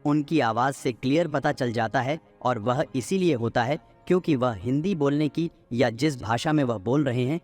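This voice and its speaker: A man's voice: mid-range voice, normal speed, few pauses, faint music behind. A young man hosting a self-help lesson, earnestly coaching listeners through numbered speaking tips. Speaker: voice coach host.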